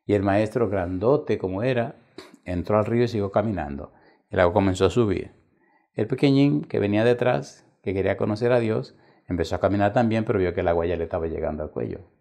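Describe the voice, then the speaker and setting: A man preaching a sermon as a pastor, telling stories dramatically and swinging between loud emphasis and hushed near-whispers. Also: fairly low pitch, brisk, vocal fry.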